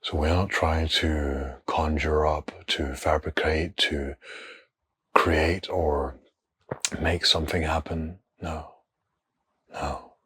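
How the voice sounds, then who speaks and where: Leading a meditation, this man uses a remarkably deep voice with a husky, breathy texture. His pitch barely moves as he talks in a slow hush, placing brief phrases between long silences.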